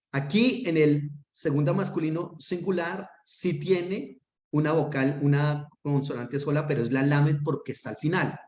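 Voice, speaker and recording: A man's voice: on the high side, darkish tone, roomy sound. A man teaching a grammar lesson, patient and methodical, often checking that his students follow. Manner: patient, checks understanding with frequent "¿listo?".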